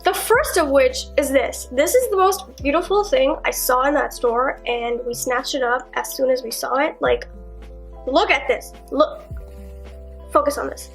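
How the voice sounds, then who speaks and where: Chatty young woman with a high voice. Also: normal speed, creaky, soft background music. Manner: chatty and enthusiastic, with frequent fillers and asides. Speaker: vlogger. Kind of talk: casual haul video chat. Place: her apartment, indoors.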